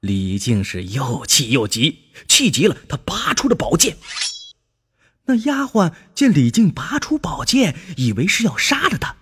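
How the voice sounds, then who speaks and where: A man narrating a scripted children's story in an expressive way, drawing out his exclamations. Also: on the high side, measured pace, husky.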